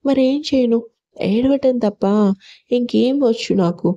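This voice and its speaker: A woman voicing an innocent, tearful young wife with a soft, plaintive way of talking. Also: fairly high pitch, measured pace. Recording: lo-fi audio.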